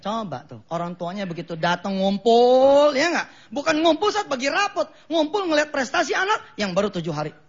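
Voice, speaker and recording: A middle-aged Indonesian man with a Jakarta Betawi accent giving a lively, joking sermon in a mosque, acting out the voices of the people in his stories. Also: very high voice, normal speed, hardly any pauses. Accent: Betawi-flavored Jakarta Indonesian. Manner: lively, jokey, acts out quoted voices, laughs at own jokes. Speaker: preacher. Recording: dull lo-fi broadcast recording.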